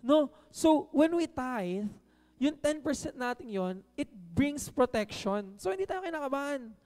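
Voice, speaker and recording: A man's voice: extremely high pitch, measured pace. Man preaching in a reverberant hall. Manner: frequent "No?" tag questions to the audience; lively emphasis on key words. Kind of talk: conversational sermon mixing Tagalog and English.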